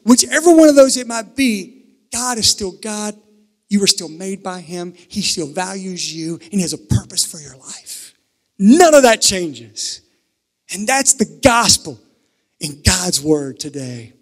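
Man, pastor, pulpit microphone, earnest sermon, emphatic then hushed, reverberant sanctuary. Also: high-pitched, expressive, a little slow. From Kentucky.

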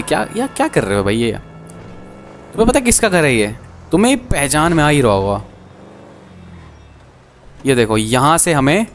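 A male gaming streamer narrating his play in a chatty, excitable way. His voice sits at a mid pitch. Faint background noise can be heard under him. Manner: chatty and excitable, talking to viewers. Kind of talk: casual gameplay commentary.

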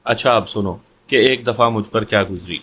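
A man's voice: lowish voice, sharp tone, slight background noise. A man voicing a jovial, teasing middle-aged male doctor in an audio story, with an amused, easygoing manner. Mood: brisk.

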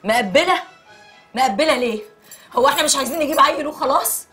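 A woman's voice: high-pitched, lively intonation, fast, bright, forceful tone, faint music behind. An actress playing an emotional Egyptian wife with an Egyptian accent, pleading with her husband. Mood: challenging. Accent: Egyptian Arabic. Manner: pleading, tearful at times. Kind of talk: TV drama acting.

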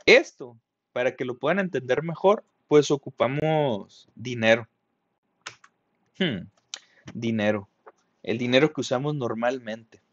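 A man's voice: medium pitch, a little slow, long pauses, dry recording, dull audio. A male teacher, patiently explaining a math lesson to young pupils, often checking if they follow. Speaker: primary school teacher. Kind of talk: recorded math lesson for children.

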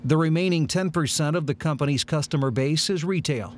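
Male voiceover guy, kinda high voice, smooth scripted read. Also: a little fast, a little hiss or hum. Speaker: narrator. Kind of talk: scripted narration.

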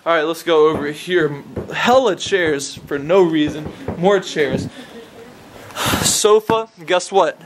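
A man's voice: fairly high pitch, takes it slowly, noisy background. A young man vlogging on vacation, giving a laid-back, joking tour of a beach hotel room on a handheld camera. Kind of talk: casual vacation vlog.

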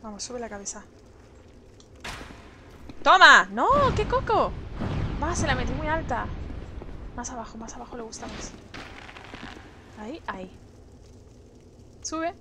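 A young woman with an accent from Spain, commentating her gameplay live and breaking into loud shrieks when startled. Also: a little high, noisy background. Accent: Spain Spanish. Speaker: game streamer.

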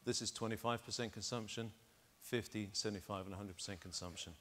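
A man's voice: fairly low pitch, steady tone, fast talker, fairly bright tone, a little hiss or hum. A middle-aged man on a conference stage, talking into a lapel mic and walking the audience through test data step by step. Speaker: keynote speaker. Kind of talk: conference keynote presentation.

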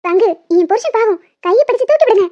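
Woman doing a squeaky fast young cartoon wife, scolding and suspicious, warm tone, muffled sound. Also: lively intonation.

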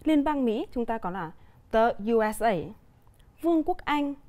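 Vietnamese-accented woman teacher, bright high register, patient televised lesson delivery. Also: expressive. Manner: clear, deliberate explaining with examples. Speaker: English teacher.

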